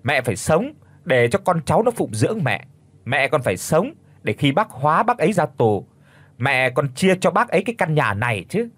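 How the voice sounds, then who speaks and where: A man doing a shrill, spiteful daughter-in-law. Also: very animated, normal speed, fairly bright tone, no room sound. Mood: scornful. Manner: hisses and shrieks, scornful.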